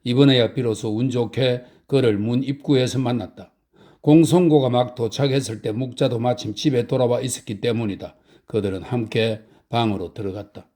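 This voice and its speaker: Soft-spoken middle-aged man reading for sleep. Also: medium pitch. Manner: slow, soft, even reading. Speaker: audiobook narrator. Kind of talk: calm sleep audiobook narration.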